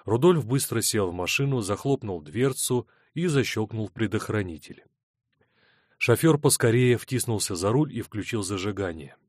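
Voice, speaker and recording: Low-voiced man reading a novel. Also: lively intonation, normal speed, a little mellow, dry recording, clean studio sound. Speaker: audiobook narrator. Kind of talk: scripted narration.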